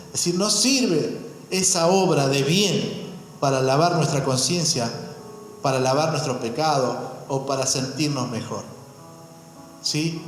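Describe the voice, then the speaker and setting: A man's voice: a little high, slight background noise. Male pastor preaching in an echoey hall. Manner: preaching, frequent amens and rhetorical questions to the congregation. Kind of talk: sermon. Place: church hall. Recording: very echoey hall, faint music.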